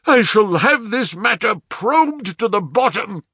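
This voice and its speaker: A man's voice: on the low side, big pitch swings, normal speed, a bit bright, slightly rough, no room sound, studio quality, exaggerated voice. A man voicing an anguished middle-aged father who tells his tale in formal, melodramatic Victorian phrases, in an audiobook story. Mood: furious, horrified.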